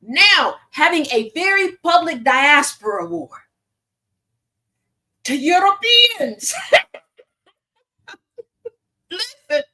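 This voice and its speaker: High, lively woman commentating slowly. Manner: sassy, laughs often, drawn-out emphasis. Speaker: host. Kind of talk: casual commentary.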